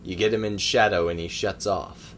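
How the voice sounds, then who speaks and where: A man's voice: sits low, steady tone, moderate pace, fairly bright tone, a little hiss or hum. A man co-hosting a casual podcast, rambling through opinions on films with hesitant fillers. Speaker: podcast co-host. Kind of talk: casual chat about movies.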